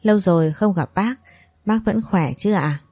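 A woman voicing a gentle, very polite young man who has just come back from abroad. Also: medium pitch, moderate pace, slightly rough, no echo.

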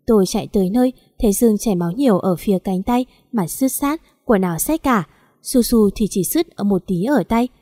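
A woman reading a first-person story aloud in a calm, even storytelling manner. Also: mid-range voice, no echo, studio quality. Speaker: story narrator. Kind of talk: scripted story narration.

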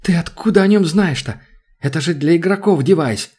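A man reading an audiobook gives voice to an excitable young woman adventurer. Her tone rides high and eager, with a husky edge, always hurrying to jump in. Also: moderate pace. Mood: excited.

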